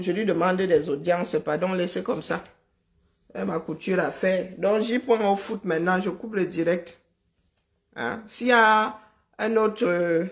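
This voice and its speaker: Chatty woman streamer. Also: lowish voice. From Cameroon. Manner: animated, sarcastic, chatty asides. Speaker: live stream host. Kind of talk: casual live commentary.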